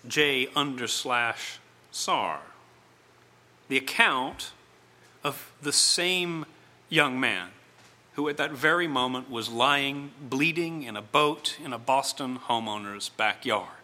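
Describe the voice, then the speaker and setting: A middle-aged male preacher with a very bright, sharp-edged voice at an ordinary male pitch. He gives a reflective sermon, phrasing deliberately and leaving weighty pauses between thoughts.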